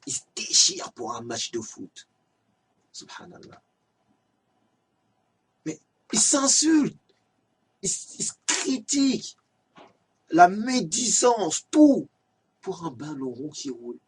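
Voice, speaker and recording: Amateur lay preacher, male, raspy and airy, exhorting, recorded from a distance. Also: high-pitched, big pitch swings, slow pace, long pauses. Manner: earnest, exhorting, repetitive. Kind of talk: religious reminder talk.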